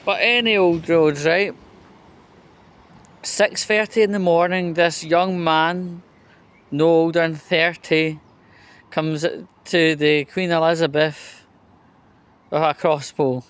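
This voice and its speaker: A Scottish vlogger walks through a train station and into a lift, talking casually to camera in a rambling monologue full of fillers and restarts. His fairly high voice is smooth and fairly bright, with fairly even intonation, a slow pace, and long pauses.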